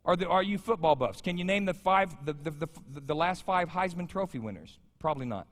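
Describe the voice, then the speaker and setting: In a big church sanctuary with long reverb, a fifties-aged pastor delivers his sermon animatedly and fairly quickly, joking with his congregation. His voice sits a little high, has a fairly bright tone, and swoops up and down.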